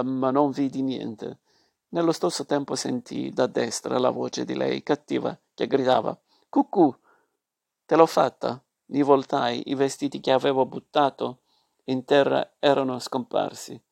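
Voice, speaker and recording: Man, story narration, measured and expressive, gravelly creaky voice, dry close recording. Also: mid-range voice, dry recording. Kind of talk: reading a story aloud.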